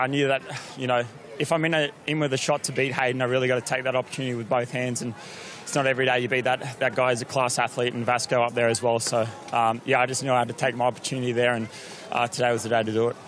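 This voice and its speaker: A man who has just won a race talks quickly and loosely, full of "uh" and restarts. He is shivering in the cold outdoors, with faint outdoor ambience behind him. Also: mid-range voice, flat delivery, fairly bright tone, a little hiss or hum. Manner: breathless, chatty, many fillers and restarts. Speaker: triathlete, race winner. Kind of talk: post-race interview.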